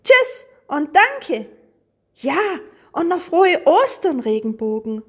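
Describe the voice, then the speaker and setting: A woman voicing a small, excited young male Easter bunny who giggles and stammers. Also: very high-pitched, slow, pitched above the performer's own voice, full character voice.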